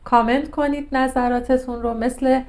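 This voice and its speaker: A woman's voice: high-pitched, fairly even intonation, a little mellow. A woman speech coach giving a pronunciation lesson and demonstrating sounds as she talks the viewer through them.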